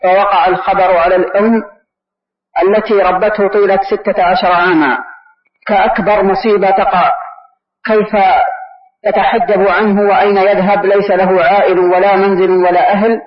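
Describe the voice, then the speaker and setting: A man's voice: sits high, flat delivery. Distant man reading a question in a roomy hall. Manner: halting, stumbles and restarts while reading. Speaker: question reader. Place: large mosque. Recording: distant, roomy, lo-fi mosque recording.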